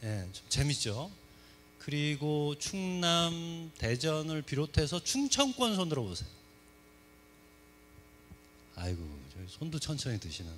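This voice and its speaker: A man's voice: on the high side, slight background noise. A middle-aged man from Seoul gives a humorous talk to a church congregation. He jokes a lot and keeps asking the audience questions. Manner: lively, joking, asks the audience questions. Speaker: guest speaker at a church service. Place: church sanctuary.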